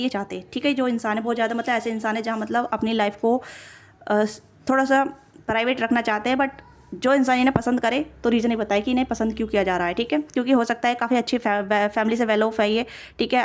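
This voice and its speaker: एक महिला tarot reader, जो कैमरे से सीधे बात करते हुए रीडिंग करती है और बहुत सारे भराव-शब्दों और खुद को सुधारते हुए लगातार बोलती जाती है।. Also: female voice, on the high side. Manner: rapid run-on talk with many fillers and self-corrections. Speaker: tarot reader. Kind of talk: casual tarot reading to camera.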